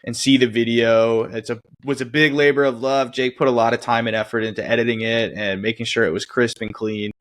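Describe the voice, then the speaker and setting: An easygoing man with a mid-pitched voice, co-hosting a relaxed podcast. He chimes in often with quick agreement and speaks in a friendly, unhurried way. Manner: easygoing, agreeable, backchannels a lot. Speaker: podcast co-host. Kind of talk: casual podcast chat.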